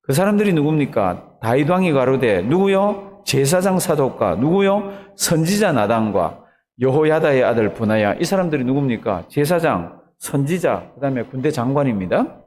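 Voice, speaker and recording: A man's voice: medium pitch, sing-song, moderate pace, a little mellow. A man, a pastor, preaching an early morning sermon, retelling the story animatedly and asking the congregation questions.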